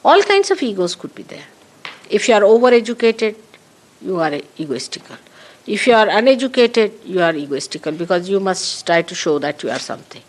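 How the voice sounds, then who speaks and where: Woman spiritual teacher, lively swooping pitch, emphatic, repeats key phrases, live talk to a gathering. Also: a little fast. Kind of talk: spoken talk with questions and answers. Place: meeting hall with an audience.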